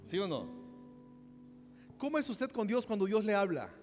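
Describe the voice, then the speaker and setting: High-voiced Mexican pastor preaching in a hall. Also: male voice, normal speed. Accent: Mexican Spanish. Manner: animated preaching, acting out quoted voices. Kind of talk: sermon. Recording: long hall reverb with faint music.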